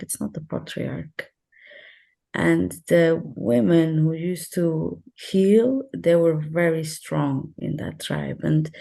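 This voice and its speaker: A woman's voice: on the low side, gravelly, dark tone. A woman from Portugal, a guest on an online talk show, speaking thoughtfully and hesitantly with many fillers over a video call. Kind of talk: casual interview talk.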